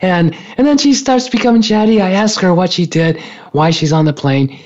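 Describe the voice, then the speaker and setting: A man's voice: high-pitched, moderate pace, a little mellow. A man in his sixties, co-hosting a radio talk show, tells a story with laughter and acts out the other people in it. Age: 60s. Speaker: co-host. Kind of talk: casual storytelling. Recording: dull lo-fi radio sound.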